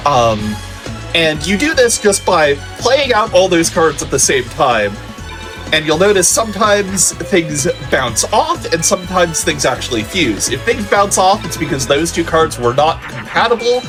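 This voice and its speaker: Animated man explaining a game. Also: on the high side, measured pace. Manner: relaxed, explanatory, frequent "uh" and "um". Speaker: guest commentator. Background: game music.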